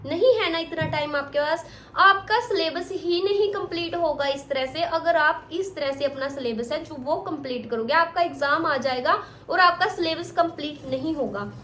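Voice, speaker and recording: Brief: woman coach, very high voice, blunt and repetitive, echoey room. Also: moderate pace, pushed and bright, a little hiss or hum. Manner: direct, scolding, repeats points. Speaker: exam coach. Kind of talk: motivational study advice to students. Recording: echoey room with faint ambience.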